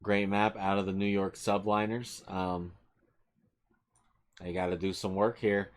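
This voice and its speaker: A man's voice: deep voice, little pitch movement, measured pace. A man giving live esports commentary as a caster.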